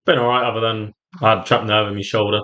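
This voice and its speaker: Deep-voiced English male co-host, fast and offhand. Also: little pitch movement, bright, forceful tone, highs cut off. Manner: quick, rambling, offhand. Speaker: podcast co-host. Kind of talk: casual chat.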